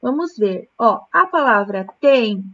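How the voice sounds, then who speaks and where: A Brazilian woman teaching young children in a recorded lesson, talking very slowly and patiently with a slightly high voice. She breaks words into syllables as she corrects exercises, and the recording sounds a little dull and lo-fi. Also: lively intonation, a bit bright, a little hiss or hum. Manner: slow, patient, syllable-by-syllable explanation. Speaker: primary school teacher.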